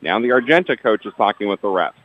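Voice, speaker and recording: Animated and on the low side, this play-by-play announcer races through a basketball game pass by pass, tossing in dry remarks about the officiating. The sound is lo-fi, with no room sound.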